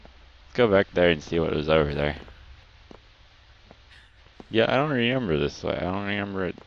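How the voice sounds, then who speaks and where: A man's voice: low voice, expressive, normal speed. A young man giving casual, nervous commentary as a scared horror game streamer, muttering to himself. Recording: dull lo-fi mic, light background noise.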